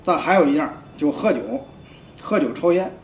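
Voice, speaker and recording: A man's voice: fairly high pitch, normal speed, slight background noise. A man, giving a rambling, colloquial spoken testimony full of repeats and restarts. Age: 50s. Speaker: church member giving testimony. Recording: roomy, dull sound with faint music.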